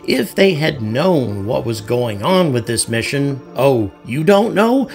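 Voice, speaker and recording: A man's voice: mid-range voice, very animated, slow pace, creaky, faint music behind. An American man hosting street interviews and narrating his own commentary in an earnest, explanatory way. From United States. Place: city street outdoors. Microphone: handheld mic.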